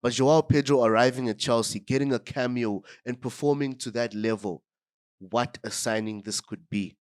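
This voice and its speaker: A man hosting a casual fan match review, excitable and talking straight to his viewers, his voice groggy from a cold. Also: mid-range voice, moderate pace, clear, resonant tone. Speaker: football fan channel host.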